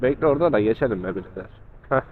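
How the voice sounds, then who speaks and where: A man talking casually and slangily inside a motorcycle helmet while riding, as a motovlogger thinking out loud. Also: mid-range voice, expressive, racing, a little hiss or hum. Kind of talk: casual riding chat and commentary. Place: outdoors, riding on the road. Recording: muffled phone-like helmet mic, vehicle sound.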